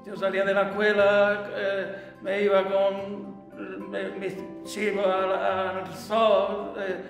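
A man, talking haltingly with many fillers about his life in the countryside. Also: high voice, monotone, vocal fry, lo-fi sound, music in the background. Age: 70s. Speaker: interviewee, farmer. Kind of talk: reminiscing interview. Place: room at home. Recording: echoey room with long reverb.

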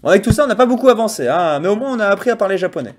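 Male streamer host, high-pitched, casual chat with cursing and over-the-top mock despair. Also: expressive, very fast. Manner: playful, jokey, swears freely; theatrical outbursts and mock lamenting.

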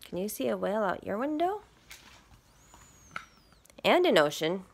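Here a woman with a mid-range voice reads a picture book to young children in a teacherly, expressive manner. She takes it a little slow, her pitch swings widely, and she asks questions and lowers into breathy, hushed asides.

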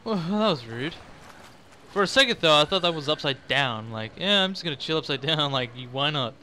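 Bright-voiced man narrating gameplay. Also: on the high side, expressive, fairly quick, slight background noise. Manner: laughs often, mock-exasperated asides. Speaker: let's play gamer. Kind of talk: casual gameplay commentary.

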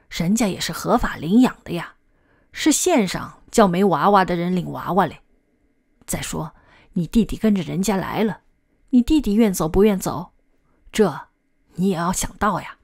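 A woman's voice: medium pitch, expressive, moderate pace, pauses often, a little mellow. A woman voicing a kindly middle-aged male village team leader in an audiobook, speaking in a patient, advising way. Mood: calm advising.

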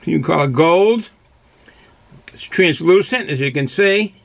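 In a cramped, cluttered indoor hobby room, a sixty-something beer reviewer from Boston, United States chats for the camera with a heavy Boston accent, rambling slightly. His fairly high, gravelly voice is expressive and measured in pace.

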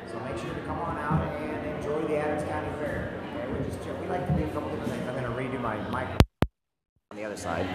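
A man giving a chatty, promotional live walkaround at a county fair. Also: mid-range voice. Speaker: vlogger doing a live feed. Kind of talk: casual live walkaround commentary. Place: large fair barn with crowd, outdoors and indoors. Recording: echoey, reverberant with loud crowd noise. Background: loud fair crowd.

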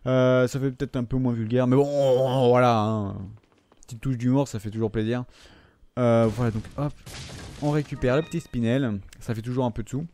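A man's voice: mid-range voice, steady tone, normal speed, dark tone. A young man with a French accent commentating his own gameplay, joking, swearing and talking to the viewers and to the game characters. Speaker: gaming commentator. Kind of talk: let's play commentary.

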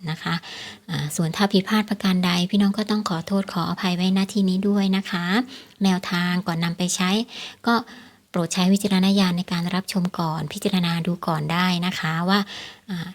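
A woman's voice: lowish voice, steady tone, normal speed. A woman hosting a casual tips vlog, explaining things to viewers, repeating her points and often checking for agreement with polite particles. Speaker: lottery tips channel host.

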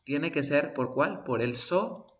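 A man's voice: a little high, lively intonation, takes it slowly. A man teaching an online English class in Spanish, explaining patiently and often asking his students questions.

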